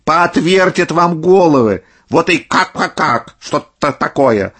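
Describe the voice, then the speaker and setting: A man voicing a grumpy, lazy pig who grumbles scornfully in a husky voice. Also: a little high, expressive, takes it slowly, fairly bright tone, pitched above the performer's own voice, exaggerated voice. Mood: grumbling.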